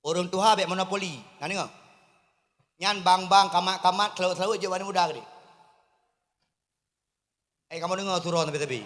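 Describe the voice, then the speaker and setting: Man, Acehnese accent, preacher, humorous sermon, high-pitched, long hall reverb, outdoor courtyard. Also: fairly quick, long pauses. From Aceh, Indonesia. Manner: animated, swings from low asides to loud emphatic calls.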